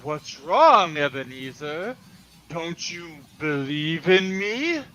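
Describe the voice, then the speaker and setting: Man doing high, swooping ghost of Jacob Marley. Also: very animated, pushed and bright, slight background noise, full character voice. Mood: taunting. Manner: drawn-out, spooky intoning. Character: wailing, teasing male ghost of a dead business partner. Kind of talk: live play reading, theatrical radio-play acting.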